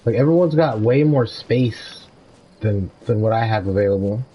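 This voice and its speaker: A young guy streaming a game talks informally and with lots of slang. His voice is on the low side at a moderate pace, and the slightly dull stream audio has a little hiss or hum along with game music in the background.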